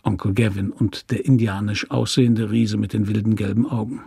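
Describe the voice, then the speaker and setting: A man narrating a literary crime story for a radio drama in a measured, even storytelling manner. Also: on the low side, creaky, husky, no room sound, clean studio sound.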